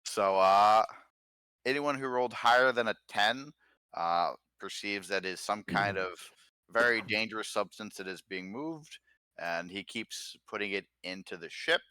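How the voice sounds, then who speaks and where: A deep-voiced man runs a tabletop game, narrating in a relaxed way with plenty of uhs. His tone is bright and forceful, and the recording is dry and close. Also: measured pace, clear, resonant tone, dry recording. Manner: relaxed, filler-heavy narration with many uhs. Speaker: game master.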